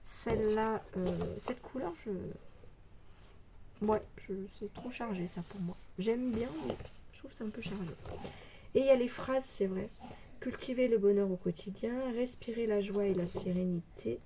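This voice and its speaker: A woman with a soft, mellow voice talks through a craft haul in a chatty, meandering way. She hesitates often and fills gaps with small sounds, sometimes slowing down to read phrases aloud. A faint hiss sits under her voice from a phone mic. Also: mid-range voice. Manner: chatty, hesitant, many fillers, reads labels aloud slowly. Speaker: scrapbooking vlogger. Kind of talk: casual show-and-tell haul.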